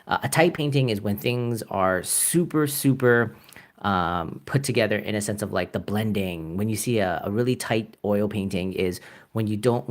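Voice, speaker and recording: A Canadian man chatting casually to viewers as he paints live, rambling with many fillers and chuckles. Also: on the low side. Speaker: artist streaming live. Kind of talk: casual live-stream chat while painting.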